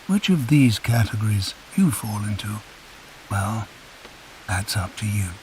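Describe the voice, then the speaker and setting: A man narrating a guided sleep meditation in a soft, calm, unhurried storytelling voice. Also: lowish voice, poor audio. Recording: hissy recording with rain sounds behind. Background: rain.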